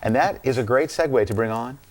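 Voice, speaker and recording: A man hosting a software show, tired from travel and in a mellow, jokey mood. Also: mid-range voice, fairly quick, a little hiss or hum. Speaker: host. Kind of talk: casual studio chat.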